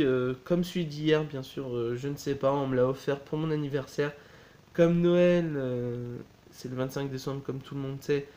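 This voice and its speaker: Showing a DVD box set in a casual unboxing chat, a man talks in a medium-pitched, dark voice. His delivery is loose and hesitant, with frequent self-corrections.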